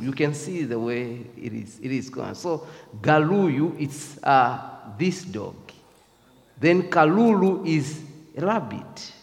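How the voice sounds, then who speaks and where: A man with a Zambian accent gives a devotional talk in a slow, thoughtful way, often hesitating over his words. His pitch rises and falls freely. The voice hangs in a long hall reverb. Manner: reflective, hesitant with many fillers. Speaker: speaker.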